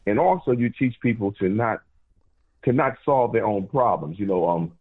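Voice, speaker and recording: Male caller, husky voice, tinny phone line with tunnel-like echo, earnest and stumbling. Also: on the low side, expressive, moderate pace. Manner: earnest, repeats and restarts words. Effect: echoey phone line, like talking from a tunnel. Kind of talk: call-in radio discussion. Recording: tinny, echoing phone call.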